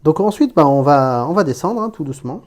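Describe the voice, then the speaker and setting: A woman's voice: deep voice, lively intonation, fairly quick, darkish tone. A woman teaching an Arabic reading lesson, patiently reading word by word and explaining pronunciation.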